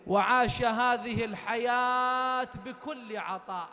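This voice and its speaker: A man's voice: extremely high pitch, slow pace, sharp tone. A man with an Iraqi accent preaching at a mourning gathering, telling stories and asking the listeners rhetorical questions. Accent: Iraqi Arabic. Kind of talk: sermon. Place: mourning gathering in a private home. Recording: long hall-like reverb.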